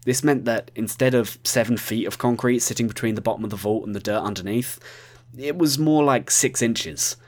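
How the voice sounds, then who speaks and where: A man's voice: mid-range voice, normal speed, darkish tone. A man narrating a heist story from a script, now and then speaking straight to the listener. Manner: addresses the listener directly.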